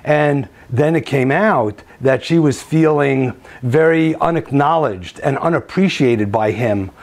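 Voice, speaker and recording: A middle-aged male therapist giving a lecture-style talk, halting, with many fillers and restarts. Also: medium pitch, gravelly, darkish tone.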